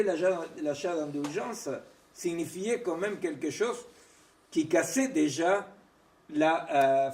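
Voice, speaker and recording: A man lecturing at a seminar, his voice set a little high for a man. He is recorded from across an echoey room. He hesitates and restarts often, and he keeps tossing questions back to the audience as he goes. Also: a little mellow. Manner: digressive, keeps checking in with "vous voyez", "non?", "hein". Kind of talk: informal academic seminar lecture. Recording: echoey room, mic far from speaker.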